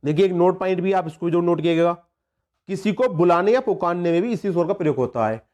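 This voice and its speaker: High-voiced male exam prep teacher. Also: a little fast, darkish tone. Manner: explains by repeating points and asking the class questions. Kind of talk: spoken lesson over slides.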